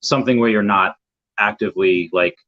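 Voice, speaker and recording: Talking a little fast in a fairly low pitch, a young man from the United States appears as a guest in an easygoing interview over video call. He drifts and repeats words as he searches for what he means, and the audio is dull and lo-fi.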